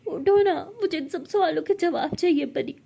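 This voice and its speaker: An anxious young woman fires off worried questions and scolds her lover, as a woman storyteller voices her. Her voice sits high and sounds loud and strained. The tone stays soft and warm. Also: steady tone, gravelly. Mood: pleading. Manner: pleading then scolding in rapid questions.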